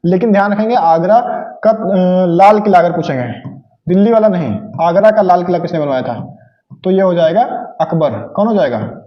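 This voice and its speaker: A man's voice: high voice, lively intonation, normal speed, reverberant, lo-fi sound. A man teaching an exam-prep lesson in a casual style, asking questions and answering them himself and repeating key facts. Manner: informal, joking asides.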